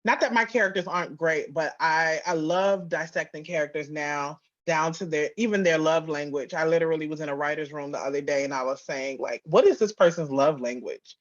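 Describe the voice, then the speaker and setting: The woman's voice is deep and brisk, with few pauses, and the highs are cut off. She's an interview guest, a writer and audio drama producer, giving casual answers and frequently performing lines of dialogue.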